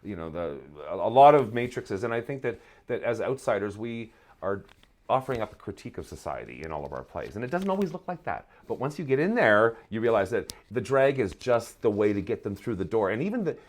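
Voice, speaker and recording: A middle-aged playwright and drag performer gives reflective, articulate answers as an interview guest. His voice is on the low side, sing-song and fairly quick, and while emphatic, he often searches for his words.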